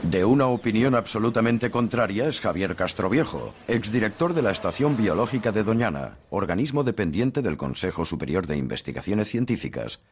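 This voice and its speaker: A man's voice: fairly low pitch, sing-song, fairly quick, slight background noise. A man with an accent from Spain reading scripted documentary narration. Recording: music behind the voice.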